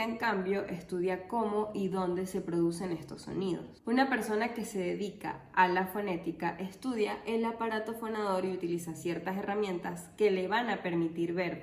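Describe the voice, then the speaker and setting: A woman explains language topics casually, slipping in dry, deadpan jokes. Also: lowish voice, reverberant. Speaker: linguistics educator. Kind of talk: casual educational video.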